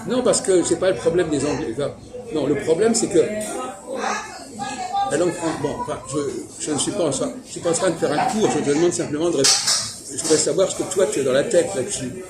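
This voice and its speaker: A man's voice: on the high side, brisk. A man hosting a casual philosophical chat, asking questions and pushing back insistently while explaining his view. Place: fast-food restaurant. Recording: loud music playing behind.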